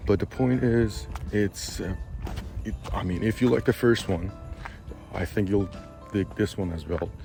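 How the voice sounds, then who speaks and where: A man with a hoarse, raspy, whispery voice that is nearly gone, giving a casual, halting film review. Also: fairly low pitch, music in the background.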